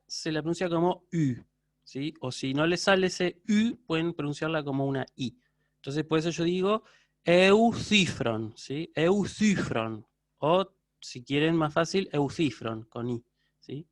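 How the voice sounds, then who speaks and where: A man's voice: fairly high pitch, normal speed, dry recording, clean studio sound. A man with an Argentine Spanish accent, giving a university class online, explaining patiently and checking constantly that students follow. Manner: answers student questions live. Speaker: university lecturer.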